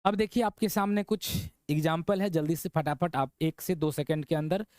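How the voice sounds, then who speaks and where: Guy teaching english grammar, highish voice, keeps going "है ना" and quizzing you, dry close sound. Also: fairly even intonation, normal speed, darkish tone, no echo. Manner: repetitive, checking in with "है ना" and quizzing the viewer. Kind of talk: classroom-style lesson.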